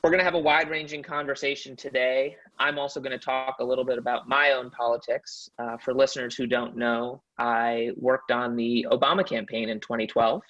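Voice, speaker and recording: A man hosting a podcast interview, speaking in an earnest, measured way. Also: mid-range voice, flat delivery, a bit bright. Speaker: podcast host. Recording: slightly dull, lo-fi audio.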